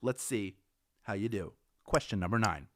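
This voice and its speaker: A man's voice: lowish voice, normal speed, slight background noise. A man hosting a live trivia game, reading questions in an upbeat, playful, chatty way.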